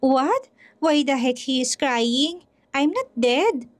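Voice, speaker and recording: A woman voicing a small, tearful and hurt boy who speaks slowly and plaintively. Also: sits high, lively intonation. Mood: urgent.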